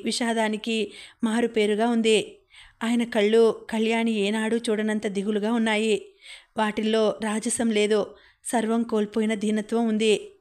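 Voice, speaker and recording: A woman narrating a novel in a measured, even way. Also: fairly high pitch. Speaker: audiobook narrator.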